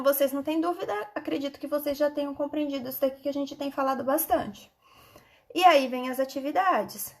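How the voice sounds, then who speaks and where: A Brazilian schoolteacher with a fairly high-pitched voice guides children through textbook exercises in an online lesson. She is instructive and frequently pauses to ask whether they are following.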